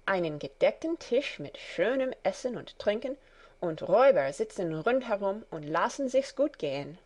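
A woman voicing a sensible, encouraging old male donkey in a warm fairy tale telling. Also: mid-range voice, big pitch swings, normal speed. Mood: pleased. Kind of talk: storybook character reading.

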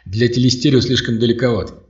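A man's voice: medium pitch, steady tone, fast talker, close to an everyday voice. A man reading an audiobook voices a bold, resourceful male starship officer who explains things eagerly. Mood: explaining. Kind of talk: audiobook character voice. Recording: dull roomy audio, distant mic.

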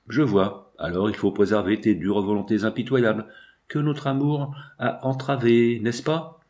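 A man's voice: lowish voice, darkish tone, natural voice. A man voicing an earnest young woman, wounded and reproachful, in a read-aloud novel.

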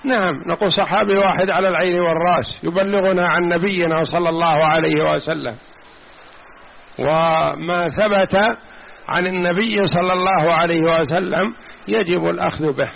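A man with a somewhat high, gravelly voice teaches a religious lesson. He explains slowly and repeats key words to press them home. The recording is tinny and phone-like with a faint hiss. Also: steady tone. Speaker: sheikh teaching a creed class.

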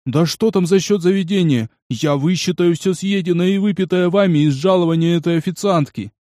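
A man's voice: sits high, fairly quick, a little mellow, no echo, studio quality, voice pushed up, lightly acted. A man voicing an old male cafe owner who grovels and pleads shrilly, in an audiobook. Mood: groveling.

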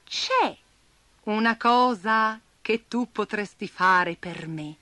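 A woman voicing a gentle, naive little stick boy who speaks kindly and earnestly. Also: mid-range voice, slow pace, dry recording. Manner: kind and earnest.

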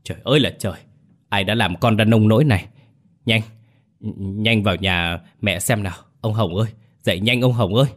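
A man's voice: fairly low pitch, normal speed, close to an everyday voice. A man doing a crying, frantic older mother. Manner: frantic, pleading. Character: panicked older mother crying over her son.

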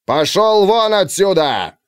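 A man's voice: mid-range voice, expressive, measured pace, a little mellow, clean tone, no room sound, studio quality, natural voice. A man voicing a domineering, irritated police colonel in an audiobook reading. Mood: condescending. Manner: irritated, condescending. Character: domineering middle-aged male police colonel.

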